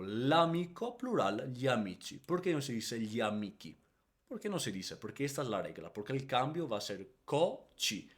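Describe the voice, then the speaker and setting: Man, teaching a grammar lesson in Spanish; animated pitch, patient step-by-step delivery, checks in with "ok?". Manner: explains step by step, keeps checking with "¿ok?"; stretches the Italian example words slowly and loudly. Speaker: Italian language teacher.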